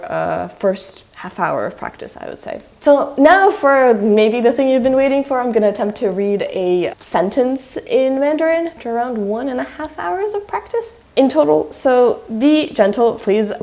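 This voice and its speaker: A woman's voice: mid-range voice, dark tone. A woman casually explaining pronunciation sounds and tones, demonstrating them aloud in a tentative, chatty way. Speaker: language-learning video creator.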